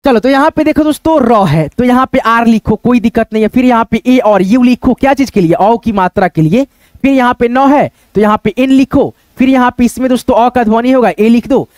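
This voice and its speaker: A man with a very high voice walks viewers through spelling one letter at a time. He talks patiently, repeats himself often and keeps calling them friends. The sound is dry and close, with no room echo. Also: brisk, a little mellow. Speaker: English teacher. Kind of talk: online spelling lesson.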